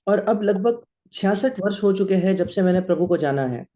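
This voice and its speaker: Male sermon interpreter, high-pitched, mellow tone, steady line-by-line delivery. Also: fairly quick.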